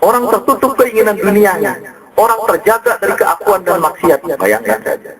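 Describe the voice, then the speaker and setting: A man's voice: big pitch swings, brisk, a crowd in the background, poor audio. A man, preaching a sermon as a kiai and telling stories with acted dialogue. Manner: storytelling with acted dialogue, wide swings in pitch. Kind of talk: religious sermon to congregation.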